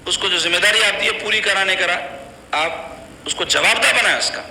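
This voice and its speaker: A man's voice: high-pitched, gravelly, sharp tone. A man giving an earnest, admonishing religious lecture to a congregation. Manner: earnest, admonishing, plain conversational phrasing. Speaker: Islamic preacher. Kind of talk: religious lecture on child upbringing. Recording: echoey hall with faint noise.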